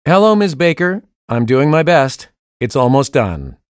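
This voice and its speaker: A man voicing the male parts of a school listening test with clear, evenly paced delivery. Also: mid-range voice, big pitch swings, measured pace, dry recording. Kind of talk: scripted test dialogue reading. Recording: dry studio recording.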